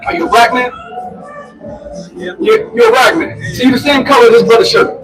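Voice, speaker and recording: High-voiced man preaching in the street. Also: very animated, moderate pace, gravelly, recorded from a distance, music in the background, low-quality recording. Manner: emphatic, keeps asking listeners to answer back.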